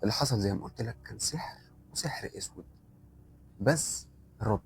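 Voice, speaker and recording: A man's voice: on the low side, quick pace, creaky, a little mellow, soft background music. A man voicing a grave old sheikh, Egyptian accent. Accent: Egyptian Arabic. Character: elderly male sheikh, calm and grave.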